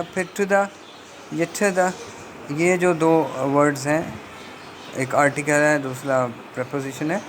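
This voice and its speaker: A man giving a linguistics lecture, explaining a textbook step by step with frequent hesitations and reading English passages very slowly. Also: on the high side, a bit bright. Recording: faint background noise.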